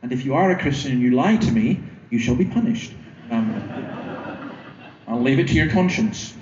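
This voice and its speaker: A man's voice: mid-range voice, animated, moderate pace, a little mellow, slight background noise. Earnest Scottish man preaching in an echoey room. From Scotland. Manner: earnest, pleading, wry self-mocking humour. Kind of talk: evangelistic talk. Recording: echoey room, slightly dull sound.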